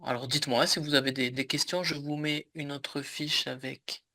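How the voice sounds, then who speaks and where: A man's voice: a little high, level tone, moderate pace, bright, forceful tone. A man teaching a French lesson over a video call, explaining patiently with many fillers and repeats. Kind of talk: online language lesson.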